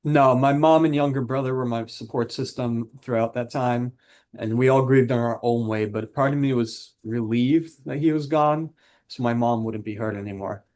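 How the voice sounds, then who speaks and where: A man's voice: medium pitch, normal speed, darkish tone, natural voice. A man playing a defensive husband in a counselling role-play, talking in a plain, matter-of-fact way. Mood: subdued, reflective. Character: frustrated, defensive husband who drinks, admits anger issues.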